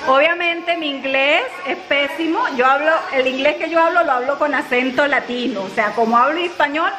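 Her voice sits high and her pace is moderate as this family vlogger chats casually, sharing stories with frequent laughter. The footage moves from home into a car, and the sound is noisy like a typical home video.

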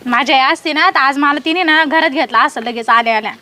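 A woman's voice: sits high, fairly quick, pushed and bright. A woman playing a cheeky, stubborn young bride who pleads with her father. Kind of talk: comedy sketch acting.

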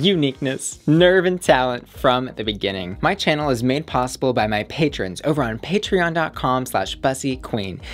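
Casting: young man as sassy drag queen reviewer, campy slangy asides, very lively intonation, close mic, faint music behind. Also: mid-range voice. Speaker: drag queen host of a reaction show. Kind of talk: runway review commentary to camera. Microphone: close studio microphone.

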